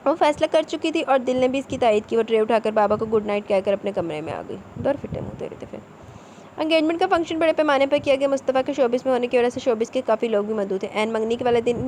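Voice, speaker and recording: A woman reading a romance novel aloud as narrator, expressive and steady. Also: a little high, a little hiss or hum. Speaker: audiobook narrator.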